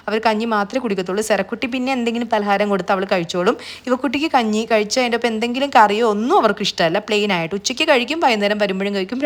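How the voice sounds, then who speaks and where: A woman, tired from lack of sleep, giving a rambling, chatty voice-over for her family vlog. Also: medium pitch. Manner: rambling, chatty, digressive with asides. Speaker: family vlogger.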